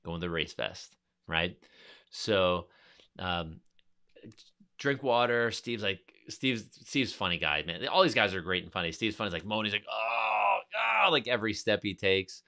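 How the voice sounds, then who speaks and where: A man from New York, hosting a podcast, telling a long personal story in a rambling, energetic way and acting out what people said. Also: deep voice, normal speed. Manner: rambling, energetic, acts out quotes. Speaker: podcast host. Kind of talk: casual storytelling monologue.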